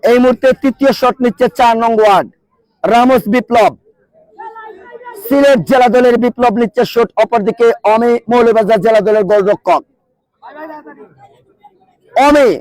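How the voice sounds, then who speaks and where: High-voiced man calling a penalty shootout. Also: dry recording, rough recording. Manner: shouts on goals, repeats names and nicknames. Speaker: football commentator. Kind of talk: live sports commentary. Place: outdoor local football ground.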